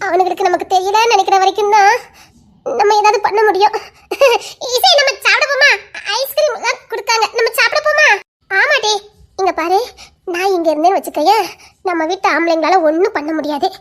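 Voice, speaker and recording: A woman performing every role in a family audio drama, moving between frightened, pleading and stern characters, with breaks of laughing and crying. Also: very high-pitched. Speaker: storyteller voicing every character.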